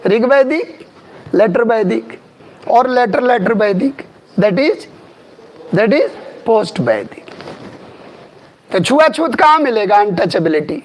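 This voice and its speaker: A middle-aged male history teacher, lecturing in a classroom. His voice sits very high and swings widely in pitch. He drills key terms by repeating them and puts questions to his students.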